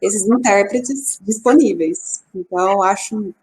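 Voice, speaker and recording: Husky Brazilian woman hosting a lecture. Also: mid-range voice, unhurried, a little mellow, poor audio. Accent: Brazilian Portuguese. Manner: attentive, brief acknowledgements. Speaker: host, teacher. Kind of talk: video call lecture moderation.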